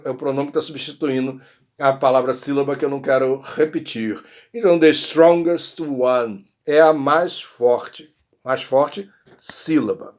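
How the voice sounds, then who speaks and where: A man with a Brazilian accent, teaching an English lesson and sounding out model phrases slowly, with frequent check-ins. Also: a little high. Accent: Brazilian Portuguese. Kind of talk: explanatory language lesson.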